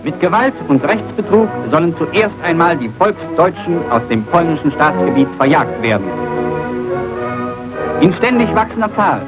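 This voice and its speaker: A man's voice: on the high side, very animated, a little slow, poor audio. A man announcing in an old wartime newsreel, with a declamatory propaganda delivery, heard as an archival film soundtrack. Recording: archival film sound over loud music.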